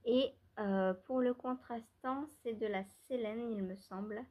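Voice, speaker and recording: A woman's voice: on the high side, a little slow, muffled recording. A woman talks through her knitting in a casual vlog, wandering from thought to thought. She hesitates often, restarts her sentences and drops in small laughs. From France. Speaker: knitting vlogger. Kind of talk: casual chat.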